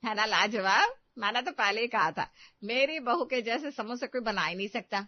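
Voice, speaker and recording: A woman's voice: fairly high pitch, no room sound, close to an everyday voice. A woman playing a boastful, bossy older mother-in-law in a cartoon story, who brags and gives orders. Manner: bragging, commanding. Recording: dull, dry lo-fi.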